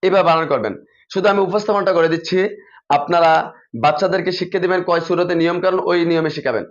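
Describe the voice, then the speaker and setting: Fast-talking man teaching spelling drills. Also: high-pitched. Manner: methodical, repeats spelling drills in set patterns. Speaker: Quran reading teacher. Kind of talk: instructional explanation for teachers. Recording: dull lo-fi recording.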